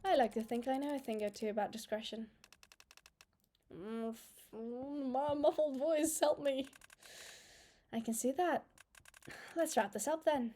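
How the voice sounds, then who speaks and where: Excitable woman reading game dialogue aloud. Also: high-pitched, normal speed, pauses often. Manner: animated and excitable, reacts aloud with laughs. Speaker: let's play gamer. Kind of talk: casual gameplay commentary, reading dialogue aloud. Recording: faint game music behind.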